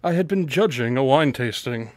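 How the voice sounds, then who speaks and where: An actor playing Holmes, a smug, unflappable and eccentric detective with a breezy, pedantic manner, in a radio drama. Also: male voice, medium pitch, expressive, normal speed, dry recording, lightly acted. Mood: defensive. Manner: breezy, self-assured, pedantic.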